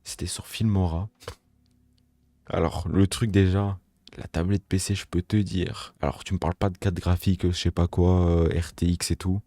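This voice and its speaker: A man's voice: low voice, warm tone, no echo. A young man giving casual motivational advice straight to the viewer, direct and emphatic, repeating his points. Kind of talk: casual motivational talk to camera. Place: small home recording setup. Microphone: microphone close to the mouth.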